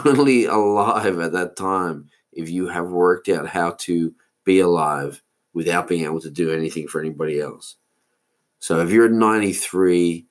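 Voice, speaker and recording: A man in his forties, hosting a solo podcast and musing aloud in a meandering way, often losing his thread. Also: sits low. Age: 40s. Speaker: podcast host. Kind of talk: solo rambling monologue.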